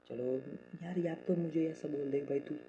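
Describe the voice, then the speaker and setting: A man's voice: fairly high pitch, fairly even intonation, moderate pace, dark tone. A young man venting in a personal vlog, frustrated and hurt, talking through his troubles with lots of fillers and restarts. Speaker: vlogger. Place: rural home with farm. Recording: slightly dull lo-fi audio with faint ambient noise.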